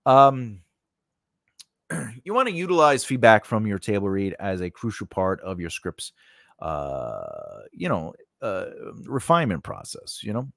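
The host of a screenwriting tutorial channel teaches animatedly and informally to camera from his home studio, partly reading from notes. His voice is fairly low, creaky, and unhurried, picked up with no room sound by a close condenser microphone on a mount.

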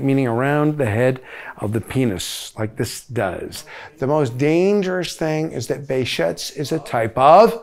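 A middle-aged man lecturing on medicine in a studio, his voice gravelly and pitched a bit high. He jokes around and plays out little back-and-forth dialogues with himself. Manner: jokey, acts out both sides of dialogues. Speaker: medical board review lecturer. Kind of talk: lively lecture with comic asides.

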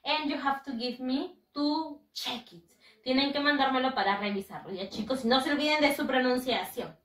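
A woman teaching English to young children, drilling words slowly in a sing-song way with lots of praise. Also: high-pitched, a bit bright, reverberant, recorded from a distance, poor audio. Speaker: primary school English teacher. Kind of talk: bilingual lesson for young children.

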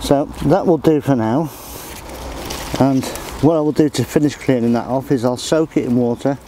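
A middle-aged man casually shows how he handles a garden job on an outdoor allotment, speaking plainly and practically while working. His voice is medium-pitched, and there is background noise.

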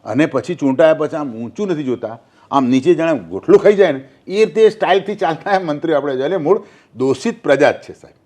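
A man's voice: fairly high pitch, animated, quick pace, darkish tone. An older man from Gujarat, a former newspaper journalist, talking politics in an interview and telling anecdotes, acting out quoted speech.

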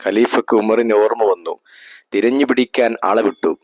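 A man tells a historical story in a measured, steady way. His voice is fairly low, and the recording is dry and close, with no room sound. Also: no echo, rough recording. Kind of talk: scripted narration of a historical story.

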